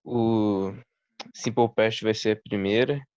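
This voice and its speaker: Male student, very low, unhurried, hesitant; muffled dry video-call sound. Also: fairly even intonation, a little mellow, smooth, no room sound. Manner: hesitant, thinks aloud.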